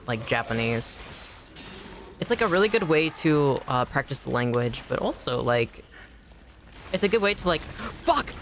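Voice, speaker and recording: A gaming streamer who grew up speaking Anishinaabemowin keeps up casual chat with the audience, cutting in with swears and yelps at enemies. The pitch is medium, and there's a little hiss or hum on the audio.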